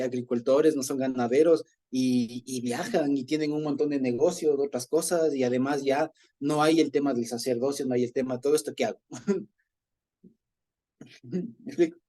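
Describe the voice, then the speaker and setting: A man with an Ecuadorian Spanish accent leads an informal Bible study, chatting conversationally, chuckling often and checking in with his listeners. His voice is fairly high in pitch with a dark tone.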